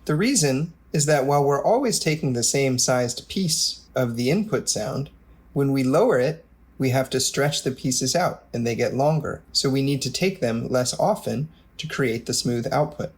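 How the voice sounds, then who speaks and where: This technical tutorial is narrated from a script by a male product demonstrator who speaks at normal speed with a medium pitch, walking through the material methodically.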